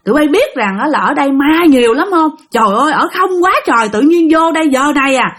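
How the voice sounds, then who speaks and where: A woman's voice: high-pitched, expressive, quick pace, fairly bright tone, voice pushed up. A woman voicing a stern middle-aged male night patrolman who scolds with exasperated exclamations. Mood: scolding.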